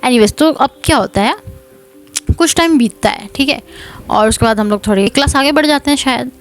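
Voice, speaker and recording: A young woman tells a personal story in a chatty, animated way, slipping English words in between and laughing along. Her voice sits on the higher side. Faint music plays underneath. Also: moderate pace. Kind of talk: casual storytime narration.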